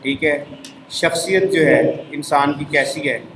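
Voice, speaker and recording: A man's voice: a little high, a little slow, a bit bright, echoey room, a little hiss or hum, low-quality recording. A man teaching a language lesson step by step, asking his class to repeat words back.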